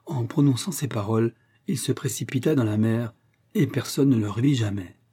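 A man narrating a classic tale in a measured, literary storybook reading. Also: mid-range voice, dark tone, slightly rough.

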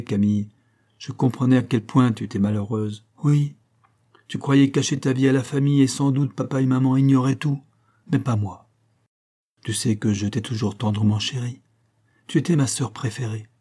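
A man's voice: mid-range voice, fairly even intonation, moderate pace, mellow, natural voice. A man voicing a prim, unmarried schoolteacher aunt who confides an old secret with earnest feeling, in a read-aloud story. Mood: impassioned confiding.

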